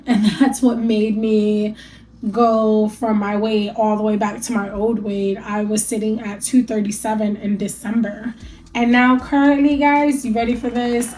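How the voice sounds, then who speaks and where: Chatty woman vlogger, mellow voice. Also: fairly high pitch, a little hiss or hum, low-quality recording. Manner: chatty, candid and encouraging, laughs often. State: allergies, a bit stuffy after a rough night. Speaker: vlogger sharing a weight loss journey. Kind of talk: casual talk to camera.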